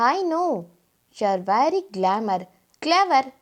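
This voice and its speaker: A woman's voice: sits high, big pitch swings, slow, exaggerated voice. A woman voicing a mocking male villain who taunts over the phone. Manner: teasing, sneering, then curt.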